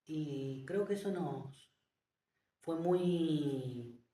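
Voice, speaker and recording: A man speaks in a slightly higher register, searching for words with fillers and restarts. He sits back from the mic in a roomy, echoing space. The talk is a relaxed interview. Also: very slow. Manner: hesitant, many fillers and restarts. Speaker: interview guest. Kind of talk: casual conversational interview. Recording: echoey room, distant mic.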